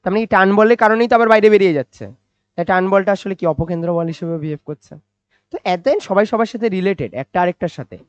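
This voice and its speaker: A man teaching physics, explaining slowly and repeating points, asking questions and answering them himself. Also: high-pitched, no echo. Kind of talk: classroom-style physics lecture. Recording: dry, slightly dull recording.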